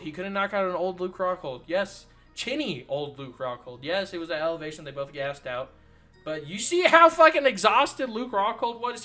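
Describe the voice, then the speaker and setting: A man's voice: sits high, sharp tone. A man hosting his own channel, ranting about fighters in casual, sarcastic commentary full of swearing. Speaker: channel host.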